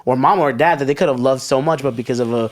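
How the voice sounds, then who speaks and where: A man's voice: medium pitch, quick pace. A man co-hosting a casual podcast chat, joking and teasing, often laughing. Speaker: podcast co-host.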